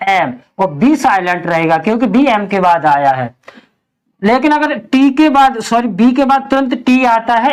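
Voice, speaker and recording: A man teaching English pronunciation, spelling words letter by letter and drilling each answer with a repeated question. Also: sits high. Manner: patient, explanatory. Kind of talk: step-by-step spoken lesson.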